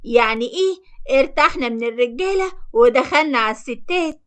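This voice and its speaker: A sharp-tongued, greedy mother, voiced by a woman reader who talks in Egyptian Arabic and snaps out orders. Her voice sits high, and her words come quick and dismissive. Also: lively intonation. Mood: scolding. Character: harsh greedy mother, middle-aged woman.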